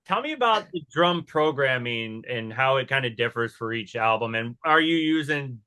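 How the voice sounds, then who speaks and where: A man hosting a podcast, asking relaxed, casual interview questions. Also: medium pitch, moderate pace, clean tone. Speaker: podcast host.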